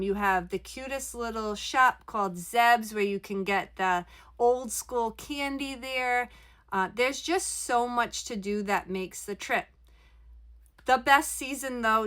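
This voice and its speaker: A woman's voice: medium pitch, slow pace, a bit bright. A woman giving casual travel recommendations, recorded inside an RV. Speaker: travel vlogger. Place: inside a parked RV.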